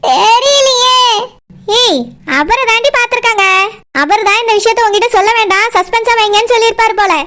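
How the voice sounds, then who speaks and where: Woman, Kanyakumari Tamil accent, very high and bright, chatty and coaxing, cartoon voices.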